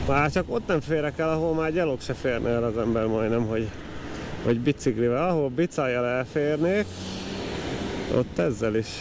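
A man riding a motorbike along a seaside road, chatting informally to his viewers with lots of fillers. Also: mid-range voice. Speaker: motovlogger. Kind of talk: casual riding commentary. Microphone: helmet or body camera mic while riding. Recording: outdoor ride with clear road noise. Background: traffic and engine noise.

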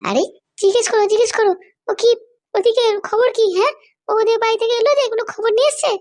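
A woman's voice: very high voice, quick pace, darkish tone, voice pushed up. A woman voicing an anxious, pleading middle-aged mother in a cartoon, fretful and insistent. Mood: fussing. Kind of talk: cartoon voice acting.

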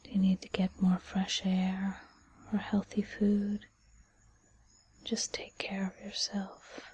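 A woman playing a gentle, patient fairy godmother in a whispered role-play, with a breathy whisper and a soothing, encouraging manner. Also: mid-range voice, monotone. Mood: gentle, reassuring. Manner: soothing, encouraging, unhurried second-person address.

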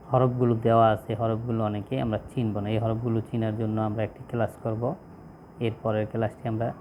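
Flat-voiced man teaching letter by letter. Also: mid-range voice, a little hiss or hum. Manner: slow, repetitive, asks questions and answers them. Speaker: Arabic reading teacher. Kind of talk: step-by-step lesson.

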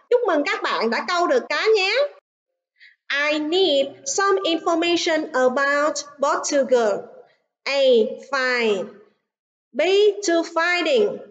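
A woman with a Vietnamese accent, an English teacher in a recorded online lesson, reading quiz items slowly and carefully. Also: high-pitched, fairly bright tone, dull audio.

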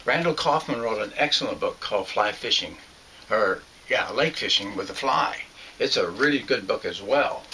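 A man's voice: fairly low pitch, expressive, normal speed, pushed and bright, a little hiss or hum. An older man teaching a fly fishing lesson at home, talking in a plain, earnest way with some fillers and restarts. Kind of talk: instructional narration. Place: small home room with shelves.

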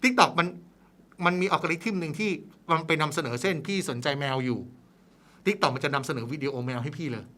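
A man's voice: fairly high pitch, moderate pace. A man talking as a guest expert on a radio talk show, explaining casually and dotting his sentences with polite fillers. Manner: lively explaining, many "na khrap" fillers.

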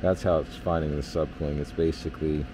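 A very deep-voiced man, an HVAC technician, speaks briskly as he gives a relaxed, hands-on account of system readings near a basement furnace. His speech is full of fillers, with background noise behind him.

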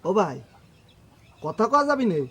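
An actor playing a gruff older village man at a phone shop, blunt and quick to take offence. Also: sits high, big pitch swings, sharp tone, a little hiss or hum, exaggerated voice. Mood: indignant.

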